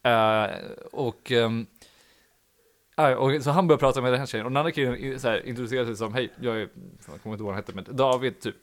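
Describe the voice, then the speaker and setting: A young man hosting a podcast, casually telling a long anecdote in a rambling way, full of fillers and laughing at his own story. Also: medium pitch. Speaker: podcast host.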